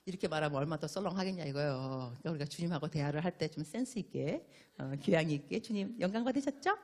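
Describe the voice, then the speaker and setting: A woman missionary preaching a sermon in an animated, playful way, acting out little dialogues. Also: low voice, fast talker.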